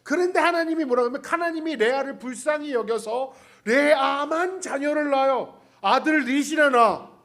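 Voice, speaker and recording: A man's voice: extremely high pitch, normal speed, a bit bright. A man pastor preaching a sermon in a church, telling the story with humor, acting out the characters' lines and speaking directly to the congregation. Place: church sanctuary.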